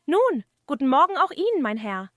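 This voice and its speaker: A poor, kind-hearted young villager, played by a woman in fireside storytelling. He speaks high and sincerely, with animated, modest politeness and no room sound at all. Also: normal speed, no echo, studio quality. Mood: friendly surprise.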